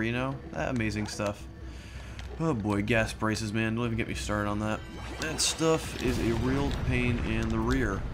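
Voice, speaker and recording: A man in his own everyday voice gives casual, jokey commentary over a video game and talks straight to his viewers. His pitch sits in the middle range for a man. Game music plays clearly behind him. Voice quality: chatty, jokey, addresses viewers as guys. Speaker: let's play host.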